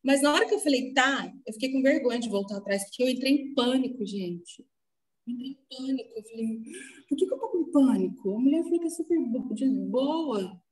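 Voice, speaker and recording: A woman telling an emotional personal story to a group, animated and acting out what she said back then. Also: high-pitched, fairly quick, distant mic, low-quality recording. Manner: animated storytelling, acting out her own past words. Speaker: group participant sharing a story.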